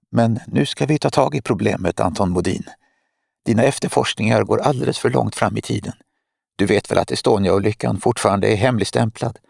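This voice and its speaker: Audiobook villainess, cold, mocking spymaster woman, read by a man, gravelly, close and dry. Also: fairly low pitch, darkish tone, no room sound, full character voice. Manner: mocking, lecturing, menacing. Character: cold scheming woman spymaster, middle-aged.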